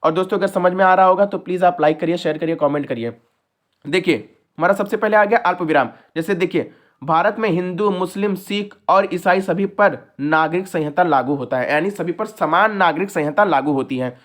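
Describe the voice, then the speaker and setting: A man's voice: sits high, fairly quick, fairly bright tone. A young man teaching an exam-prep lesson, explaining step by step and often checking in with his students.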